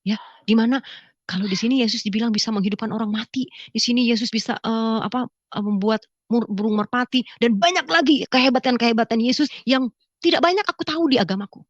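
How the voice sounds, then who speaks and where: A woman giving a spoken religious testimony, acting out conversations with lively vocal shifts. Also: a little high, fast talker, no echo, highs cut off. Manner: animated storyteller who acts out dialogue in a raised voice. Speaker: testimony speaker.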